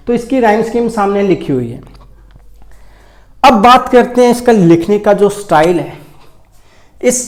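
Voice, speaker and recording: A man's voice: sits high, a little mellow, roomy sound. A man, giving a step-by-step exam-prep lecture on poetry. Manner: explains step by step, says "ठीक है" often. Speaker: English literature teacher.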